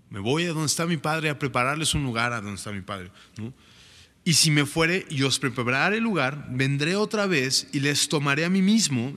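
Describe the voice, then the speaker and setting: Brief: male preacher, bright voice, chatty Bible teaching in a long reverberant room. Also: medium pitch. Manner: reads scripture aloud, then comments with frequent rhetorical "¿no?".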